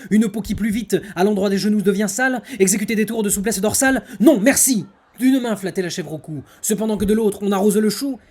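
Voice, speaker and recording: A man's voice: high-pitched, a little mellow, voice pushed up. A man playing a proud, defiant poet-swordsman, declaiming theatrical verse like a hammy stage actor, scornful and exclaiming.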